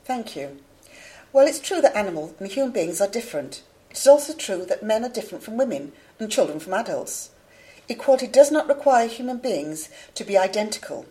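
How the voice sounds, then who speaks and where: A woman playing a composed academic in a scripted debate, formal and measured. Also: medium pitch, very animated, dark tone, close to an everyday voice. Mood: composed, reasoning. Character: composed female academic debater defending animal equality. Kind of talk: scripted studio debate for a listening exam.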